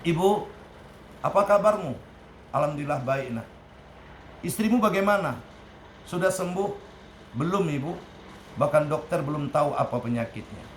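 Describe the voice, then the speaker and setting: A man's voice: fairly high pitch, animated, normal speed, pauses often, slight background noise, natural voice. A man playing a grown son who earnestly confesses and begs his mother's forgiveness, recorded in an echoey room. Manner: earnest, pleading.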